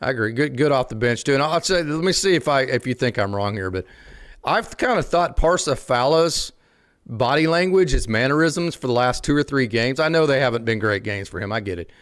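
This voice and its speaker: A man's voice: mid-range voice, lively intonation, brisk, fairly bright tone. A man hosting a casual sports talk show, asking his co-host questions and adding short agreements.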